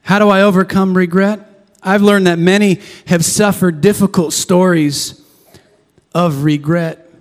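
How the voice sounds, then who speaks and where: Preaching passionately before a congregation, this male pastor has a voice that sits noticeably high, with fairly even intonation and a measured pace. The church sanctuary adds a long reverb, and he hammers points home through repeated phrases and brief impressions of the figures in his sermon.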